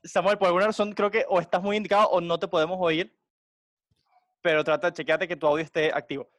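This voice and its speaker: A man's voice: high-pitched, steady tone, quick pace, fairly bright tone. Firm man moderating. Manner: firm, calls for order. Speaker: debate moderator. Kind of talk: moderating casual debate.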